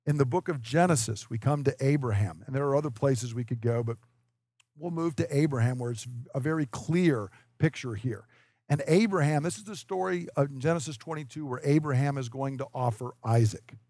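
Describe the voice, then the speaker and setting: A man preaching a sermon as pastor, earnest, slowing down for emphasis and acting out the dialogue he quotes. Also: mid-range voice, a little mellow, no room sound.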